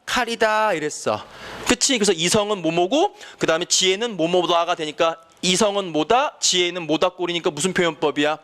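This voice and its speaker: A man's voice: high voice, a little fast, fairly bright tone. A man teaching Korean literature in an online exam-prep lecture, who asks questions and answers them himself. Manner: acts out quoted lines with exaggerated voices.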